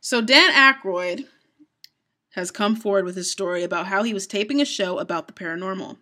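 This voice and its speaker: Bright-voiced woman reading out spooky stories. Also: medium pitch, fairly quick. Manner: narrates from notes with little stumbles and laughs. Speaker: co-host. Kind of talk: casual podcast chat, reading out paranormal stories.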